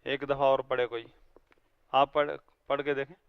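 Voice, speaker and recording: A man's voice: mid-range voice, level tone, clean tone, no echo, narrow, tinny audio. Patient man teaching a language class. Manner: patient, explains word by word and drills pronunciation. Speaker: Arabic teacher. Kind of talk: classroom grammar lesson.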